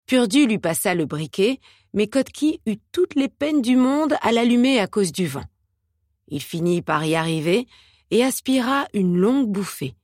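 A woman narrating an audiobook in a measured, steady reading style. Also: medium pitch, no echo, studio quality.

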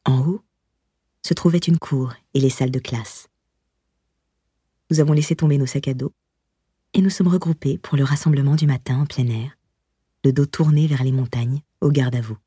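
This memoir is narrated by a woman whose voice is deep, husky and full of breath, dark and gently rounded in tone. She reads at a measured, expressive pace, captured up close in a dry recording.

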